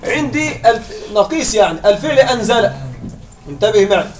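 A man's voice: high voice, very animated, a little fast. A man teaching a grammar lesson, drilling examples aloud and checking understanding with frequent questions. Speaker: Arabic morphology teacher. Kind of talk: classroom grammar lecture. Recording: echoey room, far from mic, faint music.

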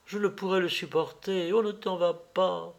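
A man voicing a heartbroken young actress who pleads with her lover in a soft, tearful voice, in a read-aloud novel. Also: high voice, steady tone, normal speed, vocal fry, pitched above the performer's own voice. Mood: tearful pleading.

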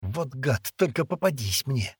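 A man's voice: mid-range voice, very animated, measured pace, slightly rough, dry recording, studio quality, pitched above the performer's own voice, heavily acted. A man reading aloud and voicing a hot-headed, loyal young boy held captive, who blurts and hisses in agitation. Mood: agitated.

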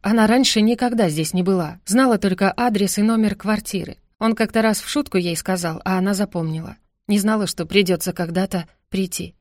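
A woman narrating a novel as an audiobook in a steady, expressive storytelling manner. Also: medium pitch, a little fast, hardly any pauses, no room sound, clean studio sound.

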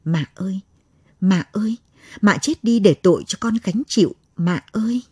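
A woman's voice: medium pitch, moderate pace, darkish tone, husky, dry recording, clean studio sound. A woman voicing a grieving young woman who is crying and calling out for her mother. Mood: sobbing grief.

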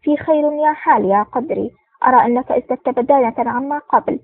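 A woman's voice: high-pitched, fairly quick, no room sound. A woman voicing a stern, terse male intelligence officer in an audiobook, with a curt, dry delivery. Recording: tinny phone-like sound.

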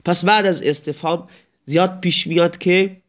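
A man's voice: high-pitched, fairly even intonation, a bit bright. A man teaching Arabic grammar in a recorded lecture, explaining step by step and reciting examples in a raised voice.

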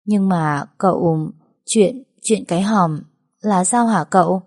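A woman's voice: mid-range voice, moderate pace, darkish tone, pitched above the performer's own voice, close to an everyday voice. A woman voicing a tearful young bride who stammers and pleads. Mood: timid. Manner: stammering, whimpering, repeats words.

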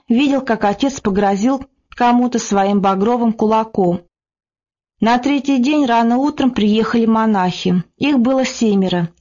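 A woman narrating an audiobook of classic prose in a steady, measured reading. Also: fairly high pitch, muffled recording. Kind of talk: scripted narration.

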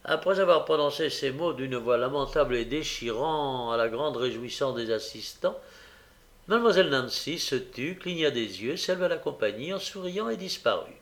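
A man reading a classic novel aloud in measured narration, with small hesitations. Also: medium pitch, animated, fairly bright tone. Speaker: audiobook reader. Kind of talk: scripted narration.

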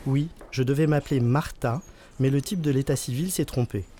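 A man's voice: medium pitch, moderate pace, warm tone, slight background noise, close to an everyday voice. A man voicing a friendly, forward little schoolgirl who chats eagerly. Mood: chatty.

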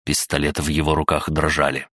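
A man narrating a story as an audiobook reader, steady and measured. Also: extremely low pitch, dry recording, studio quality. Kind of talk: scripted narration.

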